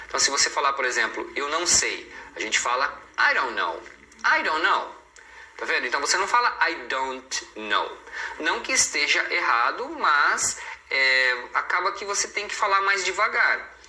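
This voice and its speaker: A man's voice: a little high, sharp tone, roomy sound, poor audio. A Brazilian man, a native Portuguese speaker, teaching English pronunciation in a recorded online lesson, patient and reassuring, repeating each example word twice.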